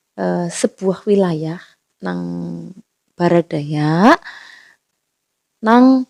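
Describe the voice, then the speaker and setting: A woman speaks in a Banyumasan Javanese accent, rambling casually and asking her listeners rhetorical questions. Her voice is low in brightness, mellow and gravelly with fry. The sound is dry and close. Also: no room sound. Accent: Banyumasan Javanese (ngapak). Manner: chatty, many fillers, asks rhetorical questions. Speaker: host. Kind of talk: casual talk about local history.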